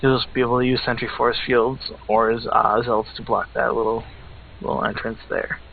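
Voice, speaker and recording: A man's voice: medium pitch, little pitch movement, fairly quick, gravelly. A man giving color commentary on a strategy game match, explaining builds and filling gaps with "like" and "uh". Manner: explanatory, leans on "like" and "uh". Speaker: esports analyst. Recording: tinny phone-like line, faint noise.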